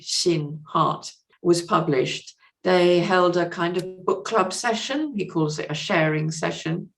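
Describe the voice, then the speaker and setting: A woman with a lowish, gravelly voice speaks as a podcast guest and translator, reading out a message in a conversational interview. She sounds thoughtful and hesitant, adding explanatory asides as she goes.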